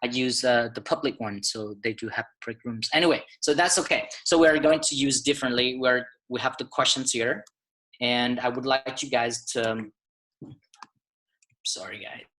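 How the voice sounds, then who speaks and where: A man hosts a teachers' webinar from his computer mic. His voice is bright and forward, and he talks hesitantly, with many fillers and restarts. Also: medium pitch, fairly even intonation, normal speed, poor audio. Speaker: webinar host. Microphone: computer mic on a video call.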